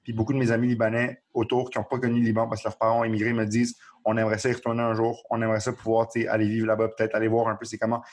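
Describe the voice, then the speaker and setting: A man with a Quebec French accent talks through current events at a quick clip, earnest and explanatory, often stumbling and restarting. His pitch stays mostly level and even. It comes across as casual podcast talk. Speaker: podcast co-host. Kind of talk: casual current-affairs discussion.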